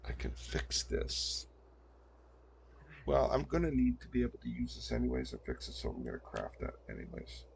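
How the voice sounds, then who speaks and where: A man's voice: a bass voice, wildly swooping pitch, moderate pace, gravelly, slight background noise. An older man giving casual gameplay commentary, muttering to himself as he plays at a desk mic. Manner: muttering to himself while playing. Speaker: gameplay streamer.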